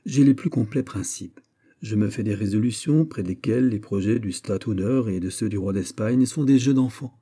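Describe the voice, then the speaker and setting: A man's voice: fairly low pitch, moderate pace, warm tone, slightly rough. A man voicing a teasing, mocking young woman in an audiobook. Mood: playful. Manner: mocking, playful.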